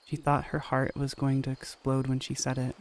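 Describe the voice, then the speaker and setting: A man narrating an audio story in a calm, steady way and speaking as the channel's host. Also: medium pitch, normal speed. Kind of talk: scripted narration.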